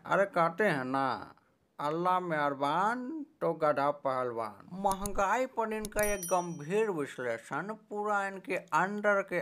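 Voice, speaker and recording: Sarcastic high-voiced male narrator. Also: a bit bright. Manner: sarcastic, teasing. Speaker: channel narrator. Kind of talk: mocking voice-over commentary.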